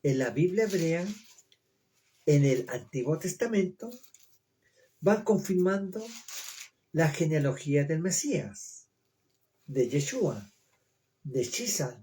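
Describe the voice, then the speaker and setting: A man giving a verse-by-verse Bible study, reading Hebrew names slowly and explaining them in Spanish, repeating words and checking in with his listeners. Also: a little high, animated, warm tone. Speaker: Bible teacher.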